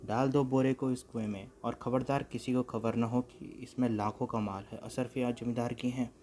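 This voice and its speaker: A man voicing a clever, sharp-tongued village woman in an animated comic, talking in a bossy, scolding way. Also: mid-range voice, normal speed, a little hiss or hum, lightly acted. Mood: commanding.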